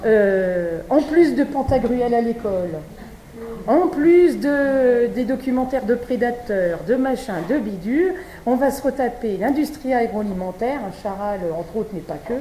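A woman's voice: fairly high pitch, expressive, unhurried, warm tone. A woman from Brittany giving a conversational talk at a conference, with frequent fillers and restarts. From Brittany, France. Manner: chatty, many fillers and restarts. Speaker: speaker at a vegan event. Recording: echoey room, faint background noise.

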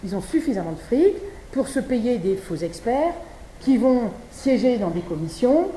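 A woman from Brittany, France, gives a chatty talk at a vegan conference, full of fillers and restarts. Her slightly high, warm voice is very animated yet measured in pace, and the echoey room has faint background noise.

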